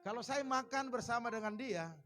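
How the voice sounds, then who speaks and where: A man preaching a church sermon, lively and joking, acting out little everyday scenes. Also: very high voice, normal speed, faint music behind. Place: church service.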